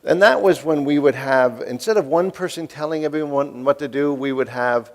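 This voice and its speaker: A man's voice: on the high side, normal speed. A man in his fifties, from the East Coast, giving a folksy, joking keynote speech and asking the audience questions. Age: 50s. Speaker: keynote speaker.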